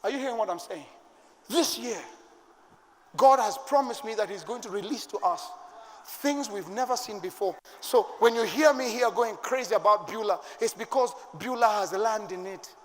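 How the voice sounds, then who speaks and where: A middle-aged man with a Kenyan accent, preaching a sermon to his church with fervour and sudden shouted bursts. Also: sits high, moderate pace. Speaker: pastor. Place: church sanctuary. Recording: long church-hall reverb.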